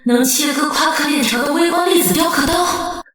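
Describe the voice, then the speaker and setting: A woman's voice: high-pitched, moderate pace, fairly bright tone, faint music behind. A woman voicing an earnest young shop assistant who reveres her boss, in a motion comic.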